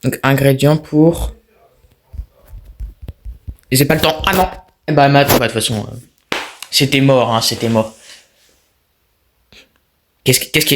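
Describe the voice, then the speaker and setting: Playing a horror game for his let's-play channel, a young YouTuber chatters casually to himself and his viewers in a jumpy, restless manner. His pitch is medium, and a slight hiss or hum runs under the recording.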